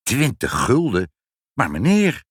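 A man's voice: medium pitch, huge pitch swings, slow pace, slightly rough, no room sound, studio quality, full character voice. A man voicing a hearty, cheerful father in a storybook reading. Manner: hearty, laughing.

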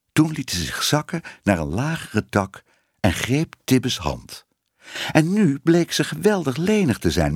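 A man's voice: medium pitch, vocal fry, breathy edge, no room sound, studio quality. A man reading a children's story aloud as narrator, voicing the characters expressively.

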